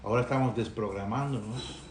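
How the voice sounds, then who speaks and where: A man's voice: lowish voice, a little mellow, slight background noise. Man, thoughtful church talk. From Costa Rica. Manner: thoughtful, pauses and restarts. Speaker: missionary sharing in a Bible study. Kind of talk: reflective group discussion. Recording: roomy recording.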